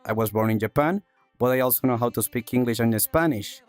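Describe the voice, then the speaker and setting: A South American man with a mid-range voice hosts a livestream at a brisk clip over soft background music, chatting casually and warmly thanking viewers. He's upbeat and keeps repeating phrases, coughing now and then from chest congestion. He works as a streamer and talk show host.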